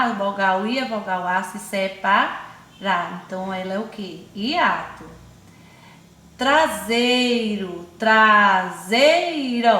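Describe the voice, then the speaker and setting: Slow, affectionate Brazilian teacher woman. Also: fairly high pitch, fairly bright tone, roomy sound. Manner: affectionate, calls pupils "my loves" and herself "auntie"; stretches words out slowly, syllable by syllable. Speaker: primary school teacher. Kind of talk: online class for young children.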